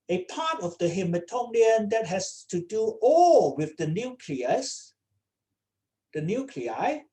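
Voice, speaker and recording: Slow-spoken woman lecturing with many "okay?"s. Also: mid-range voice, warm tone. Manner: checks in with students often, repeating "okay?". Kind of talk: online lecture. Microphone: computer mic on a video call.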